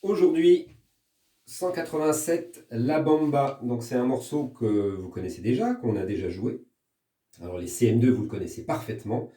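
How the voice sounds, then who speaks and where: A man's voice: mid-range voice, animated, normal speed, warm tone. A French man teaching a percussion lesson, explaining patiently step by step and counting hand patterns aloud. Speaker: music teacher. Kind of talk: recorded percussion lesson for pupils. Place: room at home with a practice pad. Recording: echoey room, voice from a distance.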